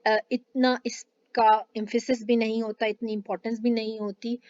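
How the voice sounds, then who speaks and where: A woman teacher walks through a language lesson, stretching each syllable slowly as she drills sounds. Her voice sits a little high. The sound is dry and slightly muffled, as from a close home recording. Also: flat delivery, a little mellow, no room sound. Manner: drawn-out syllable drills mixing in English. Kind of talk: explanatory lesson.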